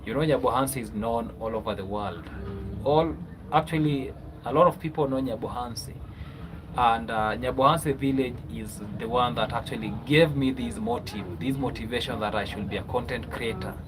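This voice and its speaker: A Kenyan man talks loosely and conversationally, as if hosting his own live broadcast, often checking in with a questioning "yeah?". His voice sits at an ordinary middle pitch for a man. Steady background noise and the odd passing vehicle run under his speech. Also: normal speed. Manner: chatty, tags many phrases with a questioning "yeah?". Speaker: livestream host. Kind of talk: casual livestream chat.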